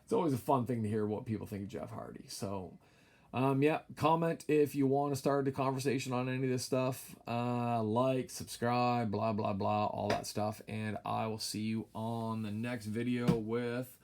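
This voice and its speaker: A man's voice: medium pitch, steady tone, normal speed, a little mellow. A tired man casually commentating a trading card break at night, droning and mumbling with wry, rambling asides. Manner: wry, rambling, self-deprecating. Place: home room at night.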